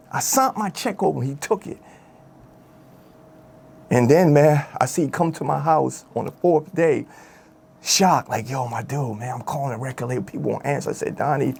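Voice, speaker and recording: A man's voice: on the high side, creaky, a little mellow, slight background noise. A man telling his story in an interview, emotional and candid, full of street slang and asides like "my dude". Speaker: former rap group member telling his story.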